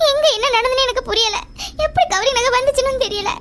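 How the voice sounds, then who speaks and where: A woman's voice: extremely high pitch, lively intonation, fast, a bit bright. A woman playing an anxious young woman who defends her family, tearful and pleading in a family drama skit.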